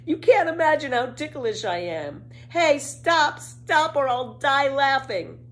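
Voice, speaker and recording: A woman's voice: sits high, lively intonation, slow, a bit bright, pitched above the performer's own voice, exaggerated voice. A woman voicing a bold, playful young girl from a children's storybook, with a breezy, cheeky, exclamatory delivery. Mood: gleeful, shrieking.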